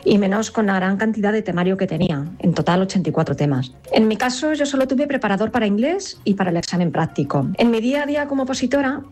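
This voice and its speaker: A woman in her forties from Madrid, giving a brisk, matter-of-fact testimonial. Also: mid-range voice, animated, darkish tone, soft background music. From Madrid, Spain. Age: 40s. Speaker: testimonial guest, civil servant. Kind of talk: prepared testimonial.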